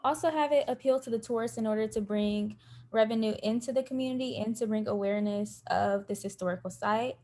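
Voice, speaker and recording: A young woman from Kentucky, a student, giving a class presentation over a video call in a steady, prepared way. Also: on the high side, a little fast. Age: young adult.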